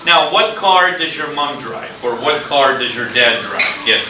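A middle-aged male English teacher with a mid-range voice and lively intonation speaks slowly to children in an interactive indoor lesson. He phrases things simply and deliberately, repeating prompts and offering praise. The recording is echoey and noisy, picked up from far off in the classroom.

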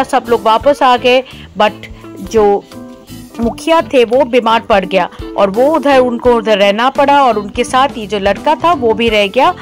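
A woman vlogging on a road trip, chatting casually and telling a local story, easily excited and mixing in English phrases. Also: fairly high pitch. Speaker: travel vlogger. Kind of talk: casual travel vlog with storytelling.

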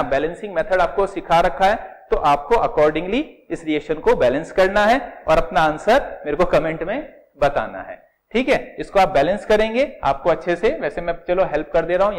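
A middle-aged man with an Indian accent teaching chemistry step by step, asking questions and answering them himself, and calling his students "beta". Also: high-pitched. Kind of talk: classroom lecture in Hindi with English terms.

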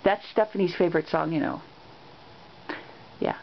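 A woman's voice: fairly low pitch, gravelly, slight background noise. A woman filming a home video off camera, singing along and coaxing in a playful way. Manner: coaxing, playful, quick asides. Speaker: off-camera adult filming a child. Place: small bedroom indoors. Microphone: built-in camera mic. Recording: muffled home camera audio.

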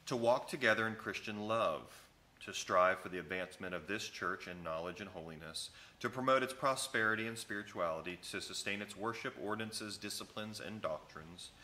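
A man in his thirties, a pastor, reads a church covenant to new members and explains each passage after reading it. His lowish voice is brisk, relaxed and conversational, with many fillers, captured by a close camera in an empty sanctuary with wooden pews.

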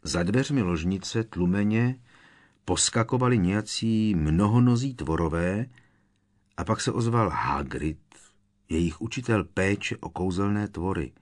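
A man reading an audiobook in steady storytelling narration. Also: sits low. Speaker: audiobook reader.

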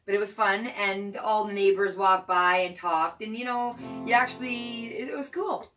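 A woman co-hosting a casual chat show, chatty and quick to laugh. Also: medium pitch, a bit bright, distant mic, soft background music, low-quality recording. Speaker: co-host.

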